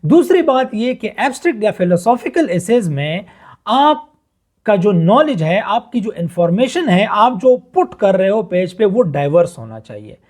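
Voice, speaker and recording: A man's voice: high voice, lively intonation, unhurried. A man in his thirties with a Pakistani Urdu accent, tutoring exam candidates in an earnest, instructive way and slipping English phrases into his talk. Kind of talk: explanatory lesson.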